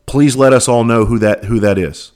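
A man's voice: medium pitch, normal speed, a little mellow. A man who used to be a police officer, hosting a podcast and talking bluntly in a casual monologue, full of swearing and rhetorical questions. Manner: repeats words when starting sentences.

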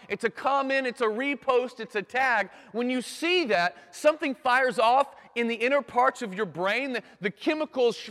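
A man preaching a sermon to a live audience, swinging from loud bursts to hushed near-whispers and making playful sound effects. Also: very high-pitched. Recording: long hall reverb.

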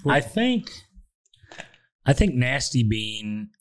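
Mid-pitched man chatting through spicy jelly beans. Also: big pitch swings, drawn-out words. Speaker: show host. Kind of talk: casual live chat.

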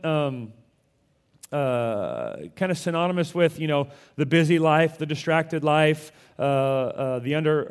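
High-voiced male pastor, earnest and chatty from the pulpit, trips over his words. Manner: earnest, conversational, with frequent restarts. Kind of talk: sermon with opening prayer.

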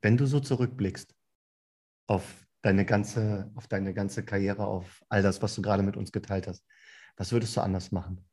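Man, podcast host, low voice, husky, encouraging questions. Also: steady tone, normal speed, darkish tone. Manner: encouraging, brief affirmations and open questions. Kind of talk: casual interview.

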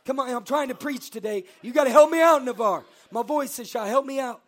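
A man preaching a booming motivational sermon, exhorting the congregation and calling on them to respond. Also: brisk.

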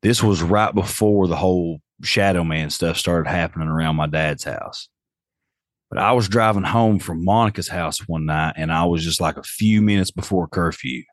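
A man's voice: sits low, moderate pace, no room sound, clean studio sound. A man with an Appalachian accent telling a story casually on a podcast, in a folksy, slangy way. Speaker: podcast host.

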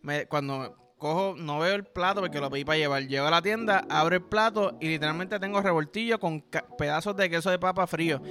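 Puerto Rican guy, young, host; loose, foul-mouthed storyteller with a high, lifted voice. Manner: profane, rambling storyteller. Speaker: podcast host. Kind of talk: casual comedic monologue.

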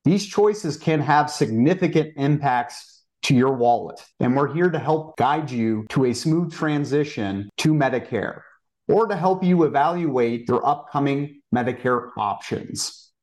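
Male podcast guest, financial advisor, average pitch, polished and measured delivery. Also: animated, darkish tone.

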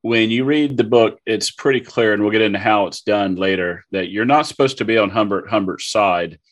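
Low-voiced man explaining a novel. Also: moderate pace. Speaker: podcast co-host. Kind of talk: casual literary discussion.

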